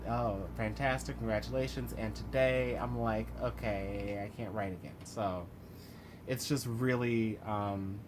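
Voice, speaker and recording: A man speaks in a fairly low voice with a lisp caused by the retainer he is wearing. He rambles haltingly, as if thinking aloud in a casual video diary. Background noise is clearly audible behind him. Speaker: vlogger and writer.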